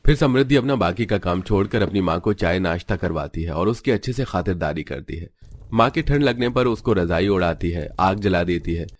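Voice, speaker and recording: A man narrating a cartoon story in a steady, scripted way. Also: sits low, a little fast.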